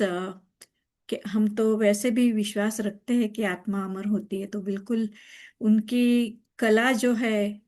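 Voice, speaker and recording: A woman hosting a music program, chatting casually with frequent pauses. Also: mid-range voice, a little mellow. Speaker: show host.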